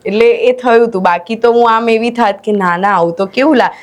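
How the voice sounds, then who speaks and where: Young woman, Gujarati accent, fairly high voice, animated storyteller, casual interview chat. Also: a little fast. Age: young adult. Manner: animated storytelling, acts out quoted shouts, mixes English in. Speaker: actress, podcast guest.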